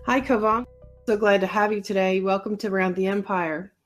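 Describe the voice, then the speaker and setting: A woman with a mid-pitched voice co-hosts a podcast. She speaks in a friendly, slightly hesitant way as she asks a guest to introduce himself. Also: fairly even intonation, a little fast, faint music behind. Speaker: podcast co-host. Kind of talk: interviewing.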